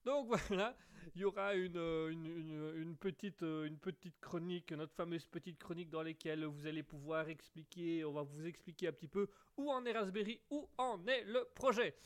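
A man's voice: on the high side, moderate pace, smooth. A man with a slight English accent hosting a live call-in radio show, playful, rambling and theatrical. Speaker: radio host.

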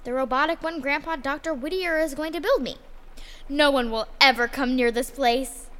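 A woman's voice: sits high, normal speed, fairly bright tone, big-room sound. A woman playing an eager, dramatic young girl in a family audio drama. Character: excitable young girl practicing a werewolf howl.

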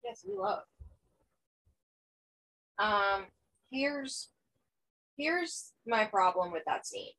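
A woman's voice: fairly high pitch, very animated, very slow, pauses often, fairly bright tone, low-quality recording. A woman co-hosting a podcast in casual chat, making dry, wry remarks. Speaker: podcast co-host.

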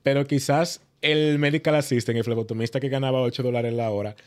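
A man's voice: mid-range voice, fairly even intonation, a little fast, a little mellow, clear, resonant tone. Explanatory man with a Dominican accent. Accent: Dominican Spanish. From Dominican Republic. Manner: explanatory, builds points with examples. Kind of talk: conversational discussion.

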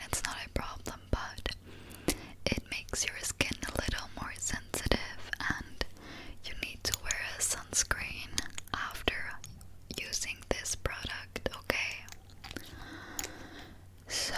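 A woman in a whispered role-play as a spa aesthetician, speaking in a soothing, attentive whisper as she gently explains each step. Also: rough recording.

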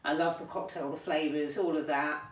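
A woman's voice: sits low, normal speed, far from the mic, a little hiss or hum. A woman chatting casually with friends and acting out what other people said. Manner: animated, acts out what others said. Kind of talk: casual chat among friends. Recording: roomy, from the mic.

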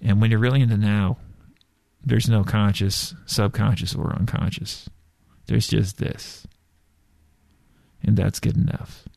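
A man's voice: lowish voice, steady tone, a little slow, gravelly, pauses often, mellow, no room sound. A man talking casually and bluntly about spirituality, repeating himself as he goes. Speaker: spiritual talk host.

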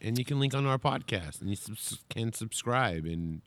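A man's voice: mid-range voice, lively intonation, normal speed, fairly bright tone. A man co-hosting a podcast in casual, profane chat. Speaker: podcast co-host. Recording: faint music behind.

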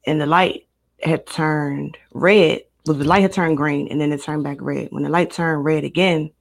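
A woman's voice: deep voice, steady tone, moderate pace, gravelly. Young woman telling her story steadily. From Maryland, United States. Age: 20s. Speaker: guest. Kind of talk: recounting a personal story in a casual interview.

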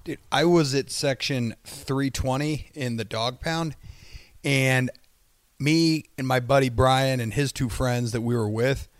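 A man chats as a sports podcast co-host with a bantering, salty manner. His voice sits at a middle pitch in a very dry recording. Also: no room sound. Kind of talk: casual sports fan chat.

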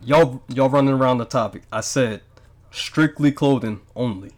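A man's voice: medium pitch, moderate pace. A man leading a casual group debate, insistent and slangy. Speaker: discussion leader.

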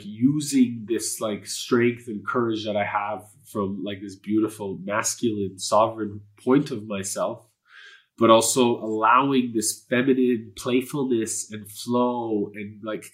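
In a candid personal interview, a guest from Canada with Polish as his native tongue speaks slowly in a low, earnest voice. The intonation is fairly even and the tone fairly bright. He rambles earnestly and spiritually, with plenty of filler words and cursing.

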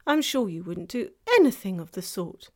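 A woman's voice: mid-range voice, lively intonation, moderate pace, darkish tone, natural voice. A woman voicing a kind, innocent little girl who speaks earnestly and anxiously in a children's storybook reading. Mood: gently reassuring. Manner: earnest, wide-eyed, pleading.

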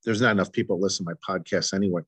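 A man hosting his podcast, speaking earnestly and haltingly, with frequent restarts and stutters. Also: deep voice, steady tone, fairly bright tone, breathy edge, dry recording. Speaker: podcast host. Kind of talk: conversational interview.

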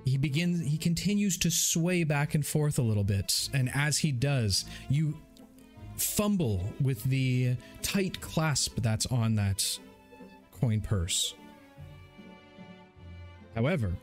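Guy running a tabletop game, really animated voice, takes his time describing stuff. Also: mid-range voice, slow pace, soft background music. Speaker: game master.

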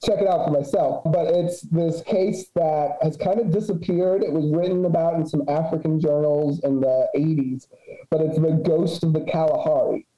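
A man's voice: fairly high pitch, fairly even intonation, normal speed, mellow. A man talking as a podcast guest in a laid-back, profane way, laughing often. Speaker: guest researcher. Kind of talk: casual podcast chat. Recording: echoey, dull lo-fi sound.

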